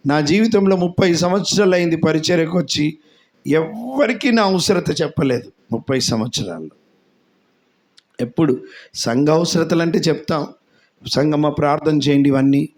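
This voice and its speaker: Gravelly-voiced Telugu man preaching fervently. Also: a little high, darkish tone. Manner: impassioned preaching, repeats hallelujah, calls listeners dear ones. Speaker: pastor. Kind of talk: sermon with worship singing.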